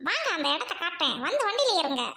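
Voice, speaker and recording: A woman's voice: very high-pitched, big pitch swings, fast, full character voice. Woman playing a brash bossy young daughter-in-law. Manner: loud, scolding, boastful. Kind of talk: comic serial spoof.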